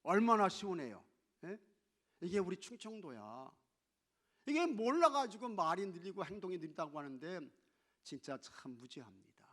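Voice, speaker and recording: High-voiced pastor preaching playfully. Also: male voice, big pitch swings, normal speed. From not from Chungcheong. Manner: playful, swings from loud calls to hushed asides, mimics regional dialects. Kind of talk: sermon. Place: church sanctuary.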